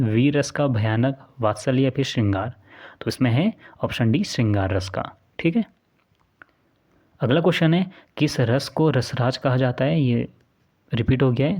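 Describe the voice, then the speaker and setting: A man's voice: medium pitch, a little mellow. A man giving an exam-prep lesson, explaining answers step by step and repeating key points back as questions. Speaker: teacher.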